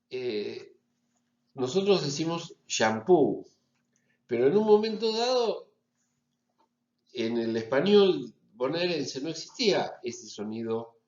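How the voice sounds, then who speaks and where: A man with a Rioplatense accent lectures in a slow, patient way, pausing to check that his students follow. His voice sits in an echoey room and the recording sounds a little dull. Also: medium pitch, a little mellow. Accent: Rioplatense Spanish. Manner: explanatory, checks in with frequent "¿sí?". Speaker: university lecturer.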